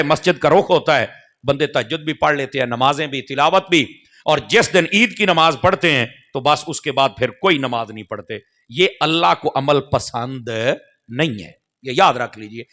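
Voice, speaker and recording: Guy giving a sermon in a mosque, kinda high voice, keeps asking the crowd if they get it. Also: pushed and bright. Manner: addresses the crowd directly, often checking they follow. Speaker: preacher.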